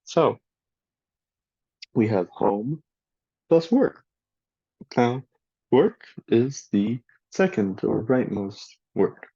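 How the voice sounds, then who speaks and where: A man teaching a recorded lesson in an unhurried, deliberate way, pausing to read out example sentences. His voice is mellow and a little husky. The sound is dry and lo-fi. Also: on the low side, lively intonation, dry recording. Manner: slow, deliberate teacher talk with spoken examples for the listener to repeat. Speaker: student presenter teaching a language lesson. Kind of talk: recorded classroom presentation.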